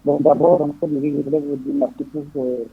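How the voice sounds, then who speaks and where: A man's voice: a little high, little pitch movement, fast, husky. Hesitant male radio show caller on phone. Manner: hesitant, many fillers and restarts. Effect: radio show caller heard over a phone line. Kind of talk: call-in question to a radio show. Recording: muffled phone line with faint noise.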